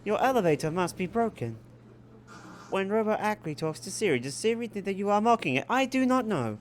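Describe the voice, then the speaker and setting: A woman's voice: mid-range voice, lively intonation, brisk, slight background noise. An Australian woman streaming in a casual chat style. She reacts bluntly and swears now and then. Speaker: VTuber streamer.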